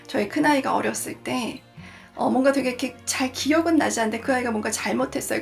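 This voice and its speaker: A woman's voice: on the high side, creaky. A woman in her forties hosting a book channel, talking candidly and confessionally about a book and her own parenting. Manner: candid, confessional, acts out quoted dialogue. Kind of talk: casual reflective book talk. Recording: soft background music.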